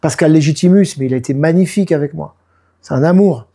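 A man's voice: fairly high pitch, quick pace, slightly rough. A man in his fifties, a musician, chatting in an interview and acting out what people told him. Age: 50s. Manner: lively storytelling, often acts out what people said. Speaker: musician and producer, guest. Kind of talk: casual interview talk.

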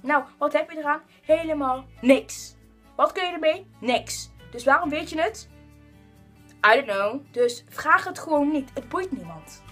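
A woman's voice: high voice, measured pace, faint music behind. A teenage girl vlogging in a casual rant, mocking and acting out the people she complains about. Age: teens. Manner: animated, mocking, acts out quoted people. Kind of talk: casual ranting vlog.

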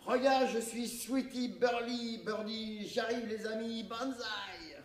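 A man voicing a reckless, rowdy young daredevil who shouts crude, defiant lines. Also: very high-pitched, fairly even intonation, slow, crowd noise, voice pushed up. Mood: showing off. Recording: echoey theatre from far off.

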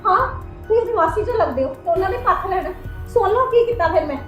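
A woman's voice: very high voice, expressive, brisk, a bit bright, lo-fi sound. An actress playing a young wife who defends herself and argues back at her husband in a family drama skit. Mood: defiant. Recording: echoey room with faint music.

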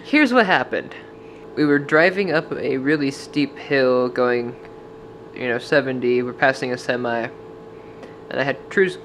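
This young man from Washington state has a mid-range, slightly bright voice. He's vlogging his travels casually from a dim motel room, camera at arm's length, with voice-over and a meandering, "like"-filled story. A little hiss or hum can be heard.

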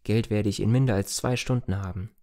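An earnest young village man in love, from an audiobook tale, as read by a man. He speaks gently and earnestly in a low, mellow voice. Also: fairly even intonation, fairly quick, close to an everyday voice. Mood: determined.

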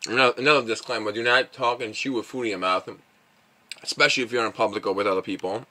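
A man's voice: lowish voice, fairly even intonation, fast, pushed and bright. A man vlogging at home, tasting and reviewing candy in a rambling, casual way, full of fillers, sometimes talking while chewing. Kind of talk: casual chat. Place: at home with his dog.

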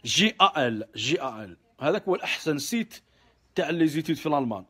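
A man's voice: on the high side, animated, quick pace, sharp tone, husky. A man with an Algerian Arabic accent hosting a casual live question-and-answer stream. He mixes in French words, answers offhandedly and gets heated when he vents.

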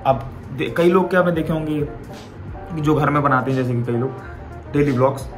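This daily vlog features a young man talking casually to his viewers into a phone held at arm's length. He speaks at a normal speed in a steady, mid-range voice, with faint music behind him.

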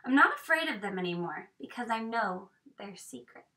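A woman in her thirties reads a picture book aloud in a small indoor room with bookshelves, captured by a camera a few metres away, so the microphone sounds distant. Her mid-range voice is very animated and expressive, with dramatic hushed emphasis, at a moderate pace.

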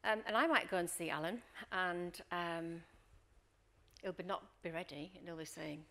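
Gravelly-voiced woman leading a workshop. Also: fairly low pitch, normal speed. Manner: lively storyteller, acts out scenes, checks in with "Okay?". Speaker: leadership coach and workshop trainer. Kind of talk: workshop talk with acted-out anecdotes.

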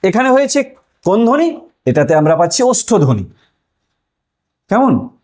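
A man's voice: high-pitched, very animated, a little mellow. A man teaching a lesson, explaining step by step, repeating key points and putting questions to the listeners. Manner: slows down to recite examples. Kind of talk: explanatory lecture.

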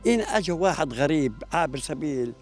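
A man's voice: fairly high pitch, expressive, quick pace, soft background music. A man, reminiscing about old village life in an outdoor interview, speaking into a handheld mic in a garden. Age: 80s. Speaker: elderly local resident. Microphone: handheld mic held by interviewer.

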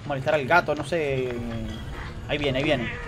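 High-voiced excitable streamer man. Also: normal speed, music in the background. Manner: excitable, repeats phrases, addresses chat directly. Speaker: gaming streamer. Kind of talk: live gameplay commentary.

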